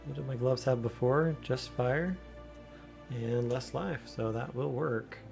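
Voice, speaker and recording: Male game streamer, medium pitch, casual commentary, wry and sarcastic, clear game music behind. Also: a little slow. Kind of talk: casual gameplay livestream commentary.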